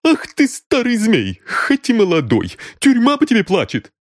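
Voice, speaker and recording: A man voicing a fierce maid who scolds in a shrill, loud voice. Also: wildly swooping pitch, normal speed, no echo, clean studio sound. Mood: furious.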